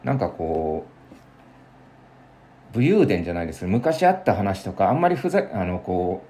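A young man in his twenties chatting alone in a casual, rambling way, with many fillers and sudden lively bursts. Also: deep voice, moderate pace. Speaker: podcast host. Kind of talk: casual solo chat.

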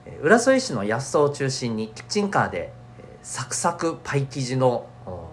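A man's voice: lowish voice, slight background noise. A man with a nasal, stuffed-up voice hosting a chatty solo show for schoolchildren and parents, speaking in polite, upbeat presenter phrasing. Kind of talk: chatty solo podcast talk.

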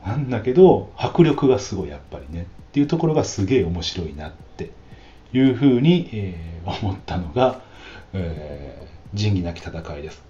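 A man with a very deep, mellow voice talks through a casual solo podcast, his pitch swinging widely as he chats. He fills pauses with long drawn-out "um"s. The lo-fi recording sounds slightly dull, with faint hiss behind him. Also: sing-song, roomy sound. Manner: chatty, with frequent drawn-out "um" fillers. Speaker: podcast host.

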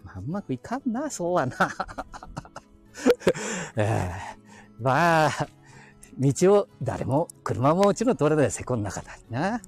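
Casting: chatty Aichi-dialect man, husky, lively up-and-down delivery, outdoor walk on a phone mic. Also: fairly high pitch, slow pace, pauses often, soft background music. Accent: Aichi (Nagoya-area dialect). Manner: chatty, talks to himself, chuckling asides. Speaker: live audio streamer. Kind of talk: casual rambling walk-and-talk. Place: outdoors on quiet residential streets. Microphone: phone held in hand while walking.

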